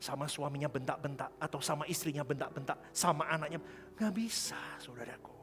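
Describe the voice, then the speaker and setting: A male pastor preaching a sermon, swinging between loud emphatic calls and hushed asides. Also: a little high, fairly quick. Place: church sanctuary. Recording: long church-hall reverb with faint music.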